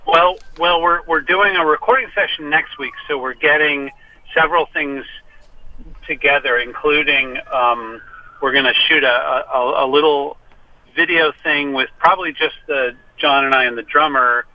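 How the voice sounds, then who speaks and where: A man's voice: fairly high pitch, fairly even intonation, normal speed, dry recording. A man calling in from his car for a casual interview, rambling and self-deprecating with many restarts. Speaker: musician guest. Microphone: phone. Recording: dull phone line.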